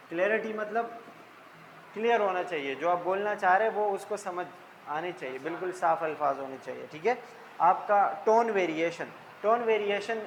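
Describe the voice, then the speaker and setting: A man's voice: sits high, a bit bright, a little hiss or hum, rough recording. A man teaching a slide-based lesson who explains each term in simple words and keeps checking in with "ठीक है". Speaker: tutor.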